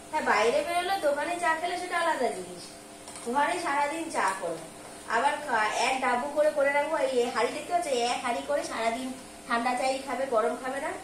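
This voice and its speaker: A middle-aged woman rambles in a casual home vlog and rushes her words. Her slightly high voice sounds roomy and far from the camera. Household noise runs clearly behind her. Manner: chatty and rambling, admits she talks hurriedly and mixes up words. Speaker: vlogger. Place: home kitchen, cooking on a gas stove. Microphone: camera held by her husband at some distance. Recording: roomy, distant and noisy home recording.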